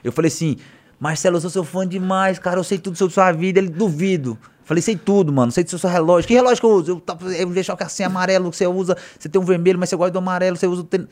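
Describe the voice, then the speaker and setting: A young Brazilian man with a Brazilian Portuguese accent, a podcast guest telling stories in an animated, slangy way. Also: sits high, rapid-fire. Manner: animated, slangy, acts out quotes loudly. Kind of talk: casual storytelling.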